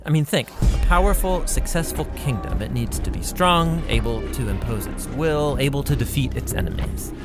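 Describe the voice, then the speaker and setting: This man co-hosts an educational Bible video series, explaining things in a scripted but conversational style with emphatic phrasing. His voice is mid-range, at a normal pace with hardly any pauses, and a clear music bed plays behind him.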